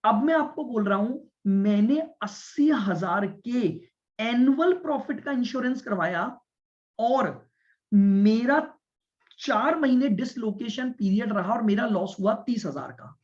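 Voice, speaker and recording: Speaking deliberately, a man lectures a commerce class in an extremely high, expressive voice with a darkish tone. He explains step by step, repeats himself, stresses listening, and checks that students follow. The recording is dull and lo-fi.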